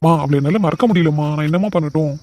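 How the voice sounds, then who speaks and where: A man plays a heartbroken young cartoon son, sulky and mournful about a lost love. The voice is dark and mellow, and the lines come out very fast. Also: a little high, natural voice. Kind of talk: cartoon voice acting.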